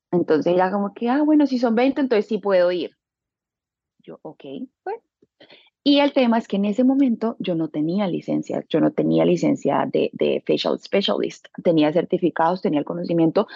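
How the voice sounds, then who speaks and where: A woman with a Colombian accent and a lowish, gravelly voice with a breathy edge tells personal stories as an interview guest who owns a beauty business. She's casual, colloquial, and expressive, acting out what people said. The recording is dry, with the highs cut off.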